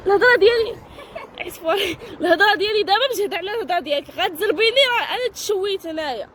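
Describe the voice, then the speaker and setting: A woman's voice: very high-pitched, animated, rapid-fire, roomy sound, background noise. A woman with a Moroccan Arabic accent, bossing around and teasing in a casual vlog. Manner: bossy, teasing, giggling. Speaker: vlogger.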